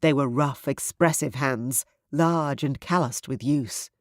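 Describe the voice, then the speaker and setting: An audiobook narrator with a synthetic-sounding voice reading first-person romance fiction in a smooth, even manner. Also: medium pitch, takes it slowly, no echo, studio quality.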